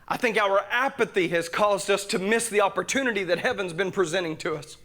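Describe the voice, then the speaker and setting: Guy preaching in a church, high bright voice, jokes then gets loud. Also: fairly quick. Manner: fervent, joking, swings from loud preaching to quiet asides. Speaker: pastor. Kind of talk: sermon. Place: church sanctuary.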